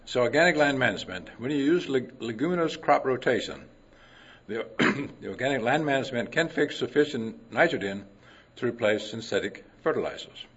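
An older man from Denmark giving a conference talk, clearing his throat often and mixing science with folksy anecdotes. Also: mid-range voice, animated, fairly quick, a bit bright. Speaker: conference presenter. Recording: dull lo-fi recording.

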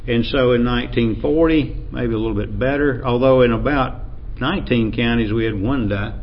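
Appalachian man lecturing on a dull recording. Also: medium pitch. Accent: Appalachian American. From Appalachian United States. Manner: measured, hesitant, with frequent throat-clearing. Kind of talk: informal academic lecture. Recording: dull lo-fi sound, faint background noise.

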